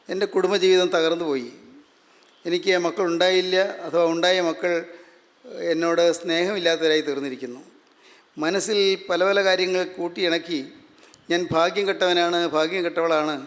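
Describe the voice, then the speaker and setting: A man with a Malayali accent preaching a sermon, measured and repeating phrases for emphasis. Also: sits high. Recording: long hall reverb.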